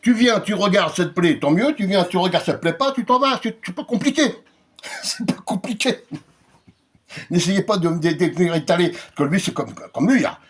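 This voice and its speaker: A man rants in a casual, mocking way while answering viewer comments. His voice sits fairly high and swings widely in pitch, and he drags out his sarcastic asides. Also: animated, fast talker, hardly any pauses, slightly rough.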